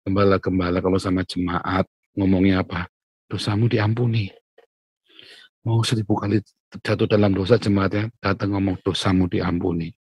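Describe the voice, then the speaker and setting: A male pastor, preaching a lively morning devotional sermon, loudly acting out quotes and laughing often. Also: deep voice, moderate pace, pauses often, breathy edge, dry recording.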